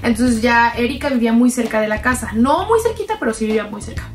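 A young woman with a Mexican accent narrates a personal story in a chatty, confiding way, calling the listener "sister". Her voice sits a little higher than average, with music playing behind her. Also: lively intonation, quick pace. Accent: Mexican Spanish. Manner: chatty, addresses listener as "hermana". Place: unseen voice-over. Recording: background music under the voice.

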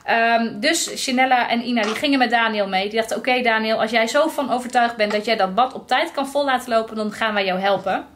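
A woman tells a personal story in a vlog, with a slightly high voice. She talks in a lively way and acts out the quotes of the people in it. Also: a little fast, hardly any pauses. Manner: lively, recounting with acted-out quotes. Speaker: vlogger.

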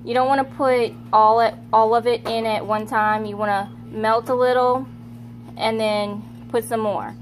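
A woman's voice: fairly high pitch, steady tone, unhurried, soft background music. A woman giving a casual, rambling how-to demonstration in her home kitchen, often correcting herself as she talks into a phone camera. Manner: chatty, rambling, self-correcting. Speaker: home video maker.

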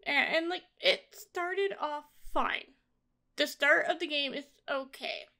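A woman's voice: high-pitched, takes it slowly, sharp tone. A woman giving a casual, informal recap of a video game, griping with blunt opinions as she goes. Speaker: gamer reviewing a video game. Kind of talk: casual gameplay recap commentary.

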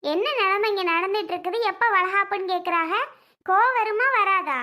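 A high-voiced performer playing a quarrelsome, sharp-tongued pregnant young woman in a family skit, snapping back defensively. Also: normal speed. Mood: indignant.

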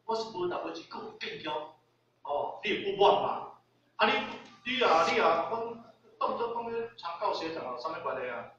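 A man's voice: high voice, animated, normal speed, a bit bright, a little hiss or hum. A middle-aged man with a Taiwanese accent giving a dharma class lecture in a Buddhist hall. He keeps asking rhetorical questions and acts out the people in his stories. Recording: very echoey hall, far from mic, dull.

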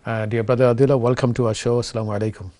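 On a TV studio set, a man in his thirties hosts an interview, asking earnest, eager questions packed with fillers. His voice is medium-pitched and warm, but his delivery is flat and racing.

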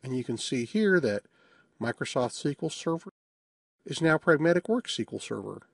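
Here a man with a mid-pitched, faintly husky voice narrates a screencast of software, fairly quickly and in an easygoing, no-nonsense manner, slipping in small jokes. It's recorded close up and completely dry, with no room sound.

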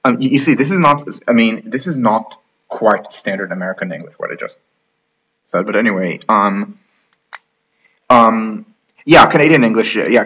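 A man's voice: on the low side, a bit bright, muffled recording. A man hosting an unscripted explainer talk, hesitant, with many ums and restarts. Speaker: host of the channel.

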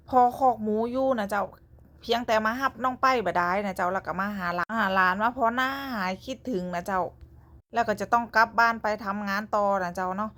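A woman's voice: mid-range voice, a bit bright. A young woman with a Northern Thai accent, narrating her own vlog in a chatty way and closing her phrases with polite particles. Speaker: vlogger.

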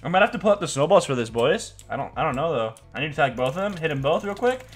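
A man's voice: on the high side, big pitch swings, quick pace, slightly rough. A young man doing casual gameplay commentary as a video host, talking in a slangy frat-bro way peppered with dude and bro.

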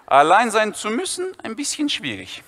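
A man playing a brooding boy in a stand-up story, speaking slowly in a low mumble with halting pauses. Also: wildly swooping pitch, fairly bright tone, exaggerated voice. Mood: murky, deadpan.

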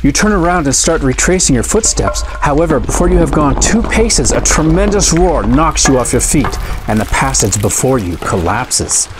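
A man reading an adventure gamebook aloud, narrating with a dramatic, storytelling delivery. His pitch rises and falls a great deal to build tension. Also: sing-song, normal speed, few pauses, music in the background. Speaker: storybook reader.

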